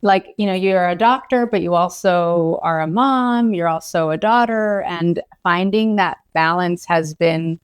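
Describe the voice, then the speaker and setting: Soft-spoken woman guest full of ums. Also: on the low side, a little slow, few pauses, clean tone. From Los Angeles, California. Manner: hesitant, full of ums, likes and you knows. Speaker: guest physician. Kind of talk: casual podcast conversation.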